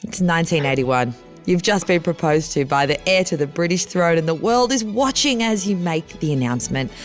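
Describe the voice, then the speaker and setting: A woman's voice: on the low side, lively intonation, normal speed, soft background music. A woman, a royal reporter telling stories in a chatty, teasing way. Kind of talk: casual news podcast chat.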